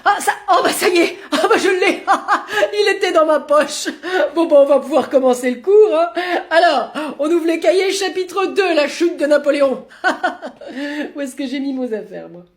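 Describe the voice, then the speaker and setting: A woman's voice: high-pitched, expressive, moderate pace. A woman acting out comic sketches in an exaggerated, exclamatory way.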